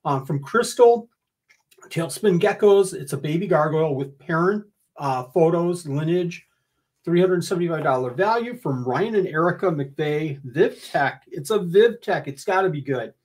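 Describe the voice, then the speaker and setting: Casting: older male livestream host, husky and a little high, chatty and joking while reading out giveaway gifts. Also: moderate pace. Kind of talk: casual giveaway announcement, reading out gift list. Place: indoor room, livestream.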